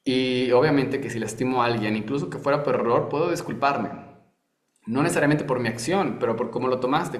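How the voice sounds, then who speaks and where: A man teaching a Torah class over a video call, talking conversationally and often asking rhetorical questions. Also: mid-range voice. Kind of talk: online class talk. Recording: roomy echo.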